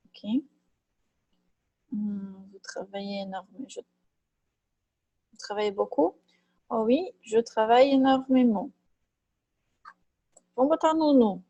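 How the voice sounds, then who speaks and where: A woman teaching a French class online, chatty and thinking aloud, with many fillers and quick tag questions, on a computer mic. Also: fairly high pitch, gravelly, warm tone, breathy edge, no echo, muffled recording. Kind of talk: online class, explaining grammar.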